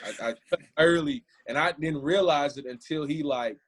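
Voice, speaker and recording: A man's voice: fairly high pitch, normal speed. Easygoing man telling coaching stories. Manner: easygoing storyteller. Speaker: head football coach, podcast guest. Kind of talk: casual interview chat.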